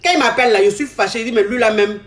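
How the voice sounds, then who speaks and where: Animated woman telling her own story. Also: on the high side, rapid-fire, slight background noise. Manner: animated, repeats herself, acts out quoted talk. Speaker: woman giving a testimony. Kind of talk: candid personal storytelling.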